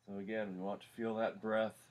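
A man teaching a yoga class for singers, giving calm, unhurried instructions with pauses. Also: on the low side.

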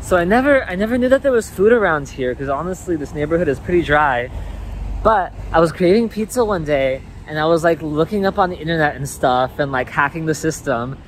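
A man's voice: on the high side, animated, brisk, a little hiss or hum, low-quality recording. A man vlogging through a face mask in a loose, chatty way, full of filler words. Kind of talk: casual vlog chat to camera.

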